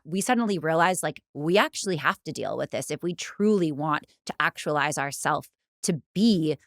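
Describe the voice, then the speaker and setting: In a casual, reflective chat, a woman co-founder of a fitness studio lets her thoughts run long, filling them with "like" and similar fillers. Her voice is lowish, and there's no room sound.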